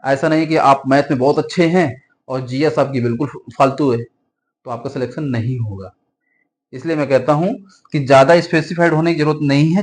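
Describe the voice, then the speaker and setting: Male grammar teacher, fairly high voice, advising classroom tone, slow word-by-word dictation. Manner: explains in Hindi with English examples, dictated slowly word by word; frequent checking "ठीक है" fillers, advising tone. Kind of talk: classroom-style grammar lesson for exam students.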